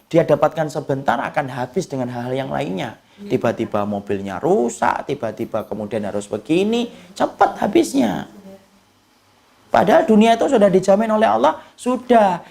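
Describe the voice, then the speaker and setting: Rough-voiced and high-pitched, a male Islamic preacher keeps his sermon lively by asking the congregation questions and answering them himself. Now and then he slips into quick, funny quoted voices, his tone staying gravelly throughout.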